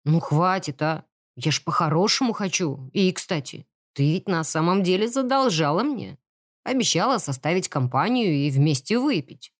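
A woman's voice: on the low side, animated, moderate pace, no room sound, studio quality, pitched below the performer's own voice. A woman doing a cocky swaggering guy. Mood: coaxing. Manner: smug, lazy drawl turning aggressive. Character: cocky swaggering young man, pushy crewmate.

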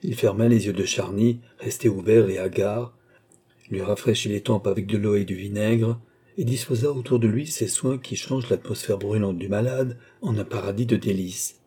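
A man giving measured, scripted audiobook narration. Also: fairly low pitch, warm tone, breathy edge.

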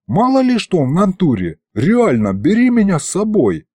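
A man's voice: sits high, huge pitch swings, normal speed, a little mellow, slightly rough, no echo, clean studio sound, voice pushed up, full character voice. A man voicing a streetwise male imp with hooves and a pig snout who talks in slang and fawns over his boss. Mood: cocky.

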